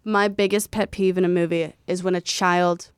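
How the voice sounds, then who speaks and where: Smooth-voiced chatty woman podcaster. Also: fairly low pitch, normal speed, no room sound, studio quality. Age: late 20s. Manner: animated, rambling, frequent "like" fillers. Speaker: podcast co-host. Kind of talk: casual chat.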